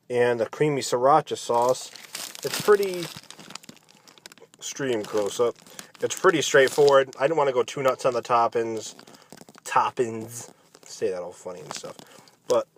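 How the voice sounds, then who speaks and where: A man's voice: medium pitch, a little hiss or hum. A man giving a casual, chatty food review, talking loosely and often rephrasing as he goes.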